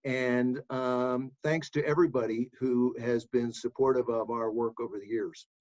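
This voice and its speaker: A man's voice: mid-range voice, steady tone, a little mellow. Sincere man over muffled call audio. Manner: measured, sincere, with hesitant fillers. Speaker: advocacy organization staff. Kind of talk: panel remarks on a video call. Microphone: video call.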